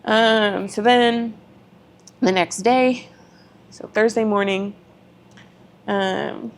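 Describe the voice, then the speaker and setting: A woman of medium pitch draws out her words in a fairly even tone while guesting on a podcast. She narrates her experiences candidly and with feeling, reenacting conversations and letting the occasional swear word slip.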